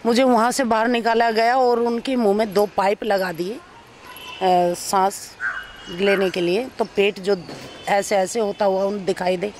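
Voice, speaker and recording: An actress being interviewed, telling an emotional personal story and acting out what others said. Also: female voice, mid-range voice, level tone, a little slow, a little mellow, a little hiss or hum. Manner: recounts events by acting out others' speech.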